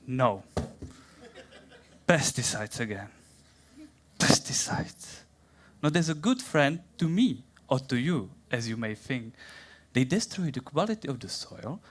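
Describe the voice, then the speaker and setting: A young man with a Czech accent giving a playful, theatrical science talk in a plant's voice, then answering questions in halting English. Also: a little high, big pitch swings. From Czech Republic. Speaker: science communication contestant.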